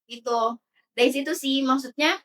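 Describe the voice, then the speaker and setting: A young woman with a high, bright voice chats casually on a podcast and spells out her opinions in long turns. She slips into quick acted-out examples along the way. Her voice sits a little back from the microphone. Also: distant mic. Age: young adult. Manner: talkative, explains at length with acted-out examples. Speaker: podcast co-host. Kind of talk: casual chat.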